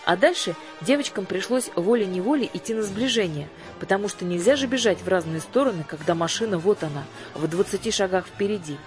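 A woman narrating an audiobook in a measured, expressive storytelling manner. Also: mid-range voice. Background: faint music.

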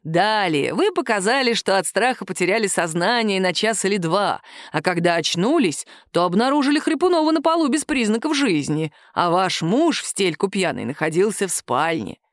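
A woman voicing a calm, caustic male police captain who questions a suspect slowly in an audiobook. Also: medium pitch, no echo, natural voice. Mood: dry. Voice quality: nagging, dry. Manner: slow, calm, measured interrogation.

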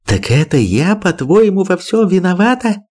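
A man voicing a fierce shouting woman. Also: big pitch swings, unhurried. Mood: angry. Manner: shrill heated shouting. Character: angry middle-aged woman biologist, fierce.

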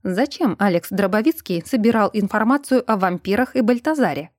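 A gruff male detective with a dry wit, read by a woman. He speaks in short, laconic lines. The recording is dry and close. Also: medium pitch, lively intonation, fairly quick, dry recording, natural voice.

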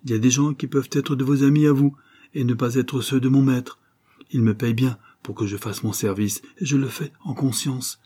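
Man putting on gruff porter guy, old wrestler, broad and stubborn, kinda husky and dark, talks curt and raised. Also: mid-range voice, moderate pace, close to an everyday voice. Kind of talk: audiobook character voice.

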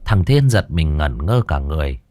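A man narrating a ghost story in an expressive storytelling manner. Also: extremely low pitch, moderate pace, no echo.

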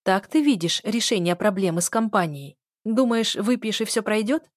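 A woman reading an audiobook voices a furious young woman, shouting bitter and sarcastic lines. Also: mid-range voice, expressive, moderate pace, no echo, clean studio sound, voice pushed up, close to an everyday voice.

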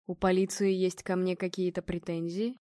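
A woman's voice: lowish voice, flat delivery, normal speed, dark tone, no room sound, clean studio sound, close to an everyday voice. A woman voicing a confident, imposing male medium who speaks weightily and commandingly, in a storybook reading.

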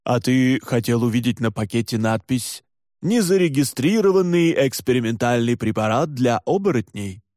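A man's voice: medium pitch, sing-song, normal speed, a little mellow, no room sound, clean studio sound, natural voice. A man voicing a stern older male head doctor who speaks curtly and with irritation. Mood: scoffing. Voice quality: gruff, curt. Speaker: head physician.

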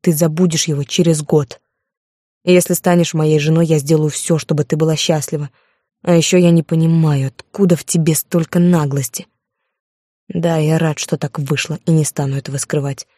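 A reader voicing a cold, possessive male lover who speaks slowly with calm mockery. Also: mid-range voice, no echo, clean studio sound, close to an everyday voice. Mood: cold smug.

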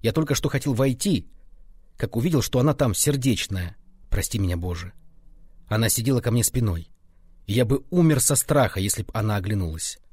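A man's voice: medium pitch, expressive, brisk, a little mellow, breathy edge, dry recording. A man reading aloud plays a frightened, deferential manservant who addresses his master humbly. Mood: terrified. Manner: deferential, fearful. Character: terrified old-fashioned male servant, deferential.

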